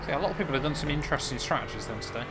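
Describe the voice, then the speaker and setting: A man's voice: on the high side, expressive, rapid-fire, over loud music. A man chatting casually as he streams a racing game from his room at home. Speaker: sim racer streaming his race. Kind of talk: casual gaming commentary with friends. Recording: engine and car noise behind the voice. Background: racing game car sounds.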